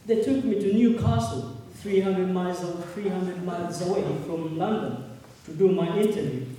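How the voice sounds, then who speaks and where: Man, 30s, earnest halting testimony, slightly high mellow voice, distant mic in an echoey hall. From Uganda. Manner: earnest, halting, repeats words. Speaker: speaker at a public meeting. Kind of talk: personal testimony.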